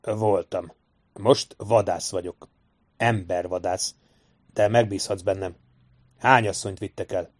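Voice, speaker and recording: A man playing a calm, seasoned manhunter. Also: low voice. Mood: measured. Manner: gentle, quietly assured, measured.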